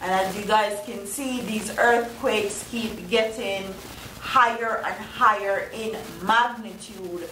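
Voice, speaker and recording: A woman's voice: medium pitch, steady tone, slow, bright, forceful tone. Echoey Jamaican woman vlogging in a bathroom. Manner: earnest, questioning, speaks to viewers directly. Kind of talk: casual vlog commentary. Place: bathroom while travelling. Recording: echoey bathroom, mic at a distance, faint background noise.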